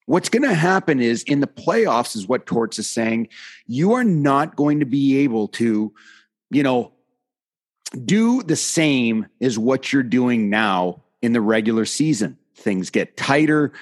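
A man's voice: medium pitch, sing-song, unhurried. A man hosting a sports podcast, a former player, talking in a casual, emphatic way and making his case point by point. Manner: emphatic, lists stats to make his point.

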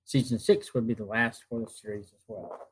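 A man in his fifties hosting a retrospective, narrating from notes in a halting way and often repeating phrases. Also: on the low side, steady tone, a little hiss or hum. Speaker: host. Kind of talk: semi-scripted narration of TV show retrospective.

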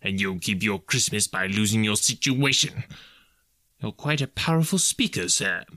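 A stern old miser from a storybook, acted by a male narrator, bitter and indignant. He growls his scorn with big swings of pitch, in a dry, close recording. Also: animated, normal speed, sharp tone, dry recording. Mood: sardonic.

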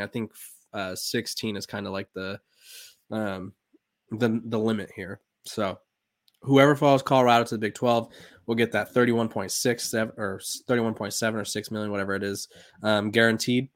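A young man in his twenties, his voice fairly low with fairly even intonation, talks briskly as host of a sports podcast. The studio sound is clean and echo-free. He rambles casually, leaning on fillers and "um"s and restarting his sentences a lot.

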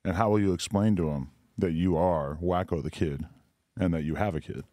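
A man's voice: sits low, moderate pace, dark tone, no room sound, studio quality. A middle-aged man hosting a podcast, talking casually and laid-back, swearing freely. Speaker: podcast host. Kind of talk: casual interview.

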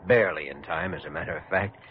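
An actor playing a composed, good-natured doctor in an old radio drama. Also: male voice, sits low, fast, close to an everyday voice. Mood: calm, assured. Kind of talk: 1940s radio drama acting. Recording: muffled, hissy old radio recording.

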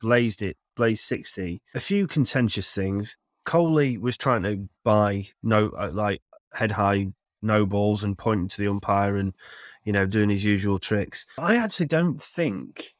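A man in his thirties with a fairly low voice, recorded dry and close to the room-free end. He hosts a casual sports podcast, teasing and swearing freely while keeping things fairly quiet. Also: no echo. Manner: speaks quietly at home late at night. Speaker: podcast host.

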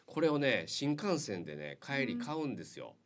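A middle-aged man with a Kansai accent hosting a relaxed radio chat, teasing his guests and reading listener mail. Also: medium pitch, normal speed. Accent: Kansai Japanese. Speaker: radio host.

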